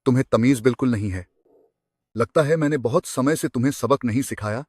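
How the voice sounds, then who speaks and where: A man's voice: mid-range voice, a little fast, a little mellow, slightly rough, no echo, lightly acted. Stern authoritarian father, voiced by a man, commanding, dry studio. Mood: scolding. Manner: stern, scolding.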